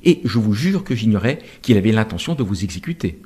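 A man voicing a shrewd army general who talks in a measured, conciliatory way. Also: on the low side, very animated, a little mellow.

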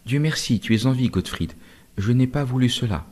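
A man's voice: mid-range voice, animated, normal speed, darkish tone, natural voice. A man reading a dying young woman, murmuring. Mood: tender, fading. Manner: faint, breathless murmur.

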